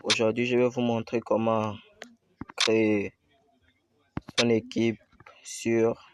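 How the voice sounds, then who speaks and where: Low flat-voiced man explaining a game. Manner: slow step-by-step explaining, repeats himself. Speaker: gaming tutorial host. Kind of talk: screen-recorded game tutorial. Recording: loud background noise.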